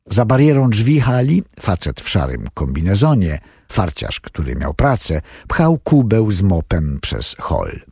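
A man narrating a thriller audiobook with expressive storytelling. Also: on the low side, unhurried, few pauses, breathy edge, dry recording, studio quality. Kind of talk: scripted narration.

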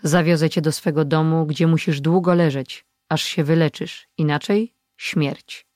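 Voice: mid-range voice, fairly even intonation, measured pace, a little mellow, dry recording, clean studio sound, lightly acted. An audiobook reader voicing an old male healer and sorcerer living in the mountains, who speaks in a commanding, authoritative way.

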